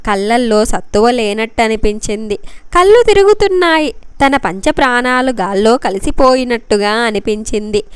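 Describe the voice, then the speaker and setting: A woman's voice: fairly high pitch, animated, moderate pace, smooth, no echo. A woman storyteller giving an emotive, dramatic narration of a love story.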